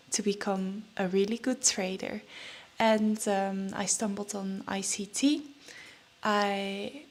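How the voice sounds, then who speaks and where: Slow-talking, nervous young woman vlogging. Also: a little high. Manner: chatty, with many fillers and restarts. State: nervous and a bit out of breath. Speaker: trading vlogger. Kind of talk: casual vlog chat.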